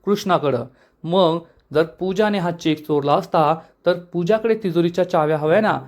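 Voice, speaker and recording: A man's voice: a little high, moderate pace, a little mellow, lightly acted. A man doing a hot-headed young husband. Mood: protesting. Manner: angry, protesting.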